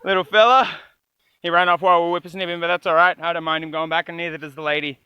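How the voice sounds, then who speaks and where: A man's voice: a little high, flat delivery, racing, clean tone, no echo, lo-fi sound. A man talking casually to camera outdoors in a rural garden, chatty and swearing now and then, with dogs barking around him. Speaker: vlogger. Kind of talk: casual vlog commentary.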